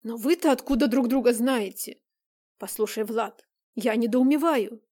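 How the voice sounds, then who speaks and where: A woman's voice: on the high side, normal speed, mellow, natural voice. A woman reader voicing an anxious older stepfather who presses with questions and pleads for mercy. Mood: indignant. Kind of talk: audiobook character reading.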